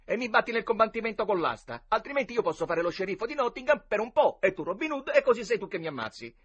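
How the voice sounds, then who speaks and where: A man's voice: sits high, very animated, fast talker, breathy edge, lo-fi sound, voice pushed up, exaggerated voice. A man voicing a boisterous boy who plays a dramatic outlaw hero in the woods. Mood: arguing. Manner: shouty, dramatic, theatrical.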